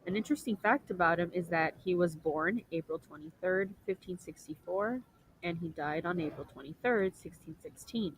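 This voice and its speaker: A young woman talks through a class presentation in a fairly low voice. She explains patiently, circles back to rephrase her points, and clears her throat every so often. A faint hiss sits under the recording. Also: moderate pace, rough recording. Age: young adult. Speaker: student presenter.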